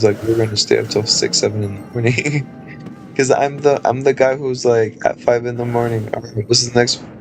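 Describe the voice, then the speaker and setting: A man in his thirties chats casually on a live stream in a low voice, loose and rambling with plenty of fillers. There's noticeable background noise.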